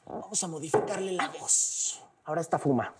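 A woman's voice: low-pitched, moderate pace, slight background noise. A Mexican woman comedian, chatting and joking in casual improv banter.

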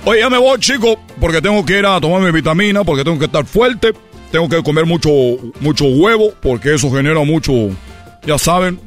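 A man telling a comic story and acting out characters with sudden high shouts. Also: lively intonation, fairly quick, soft background music.

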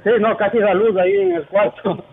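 A man's voice: sits high, little pitch movement, a little fast, a crowd in the background. A male caller on the phone, hesitant and full of fillers as he tells a story. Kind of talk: phone call to a radio show. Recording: tinny phone line with faint noise.

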